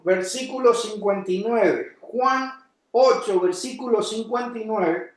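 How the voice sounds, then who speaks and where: A pastor delivers his sermon in a high voice, slowly and deliberately, firing questions at his congregation. Now and then he bursts into shouted emphasis. The sound rings through a very echoey church. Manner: preaching with sudden shouted emphasis.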